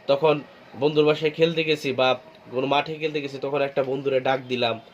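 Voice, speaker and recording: A man with a Bangladeshi Bengali accent teaching a class, slowly repeating words and asking students questions. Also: medium pitch, steady tone, dull audio, slight background noise. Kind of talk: class lecture.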